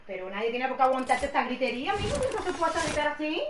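Stern high-voiced mother, off-mic. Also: sing-song, quick pace, a crowd in the background. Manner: firm, stern and repetitive. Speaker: mother scolding her son. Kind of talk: scolding at home. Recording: echoey room, noisy, off-mic.

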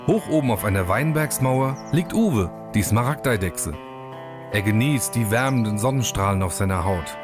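A man narrating a children's storybook film in an expressive, animated way. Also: lowish voice, moderate pace, music in the background.

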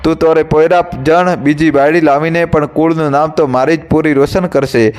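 A man's voice: fairly high pitch, steady tone, moderate pace, darkish tone, clear, resonant tone, lightly acted. A man reading the part of a desperate, fierce young village mother, pleading and raging. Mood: furious.

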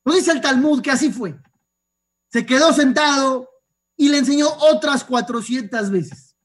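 A man's voice: extremely high pitch, unhurried. A rabbi giving a sermon, telling stories and asking his listeners questions. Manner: lively storyteller asking the audience rhetorical questions. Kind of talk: sermon with storytelling.

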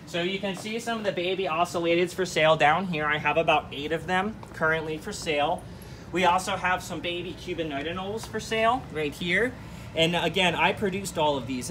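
A young man hosting a casual, enthusiastic tour, talking directly to viewers as he shows things around an indoor showroom. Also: on the high side. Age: young adult. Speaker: host giving a shop tour. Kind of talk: casual informal tour narration. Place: indoor showroom full of terrariums. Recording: clear background noise, terrarium room ambience.

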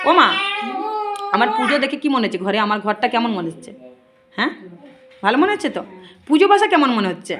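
A woman's voice: on the high side, very animated, fast talker, long pauses, a bit bright. A woman spiritual healer, earnestly addressing devotees and viewers and repeating herself often. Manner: earnest, repetitive, often asks "ঠিক আছে?".

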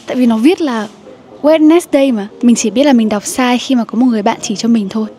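A woman's voice: on the high side, quick pace, dark tone. A young woman vlogging casually to her viewers about study tips, chatty and self-deprecating, sounding words out as she practises. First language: Vietnamese. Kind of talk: casual vlog talk to viewers.

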